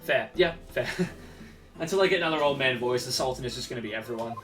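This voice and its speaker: A man's voice: mid-range voice, fairly quick, fairly bright tone, distant mic, soft background music. A man doing casual game commentary as he reads a story game aloud. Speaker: gaming video host.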